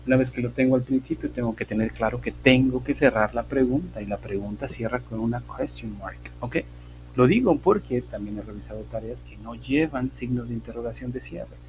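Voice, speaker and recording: A man's voice: mid-range voice, fairly quick. A man teaches an English grammar class online, explaining patiently and repeating key points. He checks in with his students again and again. A faint hum sits under his voice.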